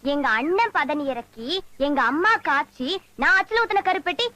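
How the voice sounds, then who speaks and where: கோபமான இளம் கிராமத்துப் பெண். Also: female voice, high voice, expressive, moderate pace, bright, forceful tone, no echo. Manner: indignant, snappy retorts. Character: young quick-tempered village girl. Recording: film soundtrack with faint music.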